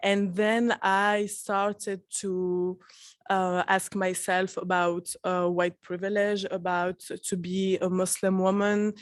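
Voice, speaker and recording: Slow, hesitant woman on a panel. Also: mid-range voice, little pitch movement, no room sound. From Tunisia, raised in France. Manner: hesitant, many fillers and restarts. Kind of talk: panel discussion.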